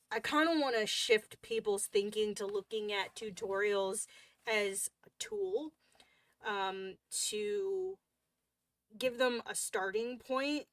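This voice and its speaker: A woman's voice: mid-range voice, no echo. A woman hosting a coloring livestream, chatting casually and rambling with lots of fillers and restarts.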